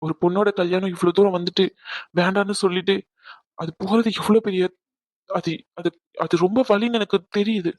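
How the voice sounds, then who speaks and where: A man's voice: sits high, steady tone, fairly quick, no room sound, lightly acted. A man voicing a remorseful young groom in a cartoon drama, who pleads and apologizes with a faltering voice. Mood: apologetic.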